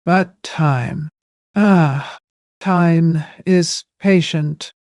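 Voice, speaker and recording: An older woman tells a first-person story in an unhurried, hushed way. Her voice is mellow and dark, and the recording is dry and close, with no room sound. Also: deep voice, no echo.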